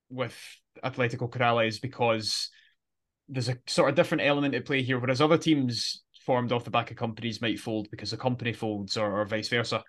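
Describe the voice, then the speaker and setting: A man's voice: medium pitch, fairly bright tone. A man co-hosting a casual podcast, explaining at length and often restarting his sentences. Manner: explanatory, rambling with frequent restarts. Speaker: podcast co-host.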